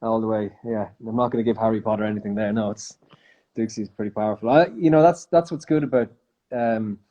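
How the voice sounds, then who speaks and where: Easygoing male actor guest, warm low voice, modest; dull lo-fi video-call sound. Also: fast. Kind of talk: relaxed interview answers.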